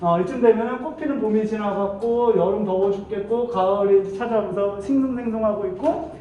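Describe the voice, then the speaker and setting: A man's voice: high voice, fairly quick, warm tone, muffled recording. A male teacher telling his class a playful story, acting out quoted voices and laughing often. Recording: echoey classroom from far off, faint noise.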